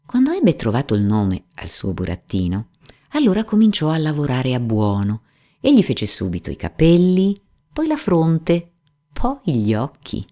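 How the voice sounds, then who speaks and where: Deep-voiced, highly expressive woman storyteller. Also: a little slow. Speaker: narrator. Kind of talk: storybook reading aloud.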